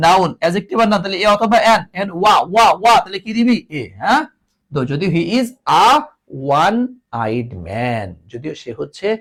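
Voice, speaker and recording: Lively man drilling a grammar class. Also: high-pitched. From Bangladesh. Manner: drills students, repeats words, teasing scolds. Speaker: English teacher.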